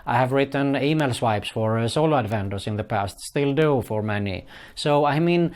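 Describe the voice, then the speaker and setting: A Swedish man who speaks Swedish as his first language gives earnest, casual advice to camera as an online business vlogger. His mid-range voice is slightly mellow and moves at normal speed. He fills his talk with "uh" and keeps repeating "for example" and "keep that in mind."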